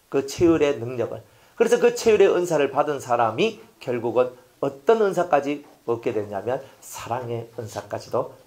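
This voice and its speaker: This pastor, a man with a medium-pitched voice, preaches emphatically and repetitively. He asks his congregation rhetorical questions and swings from loud appeals down to near-whispers.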